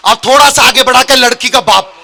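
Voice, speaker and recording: Guy with a really high bright voice doing comic poetry on stage, yelling the punchlines. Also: a little fast, vocal fry. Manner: animated storytelling, shouting punchlines. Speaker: comic poet. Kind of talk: stand-up poetry performance. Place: live stage show.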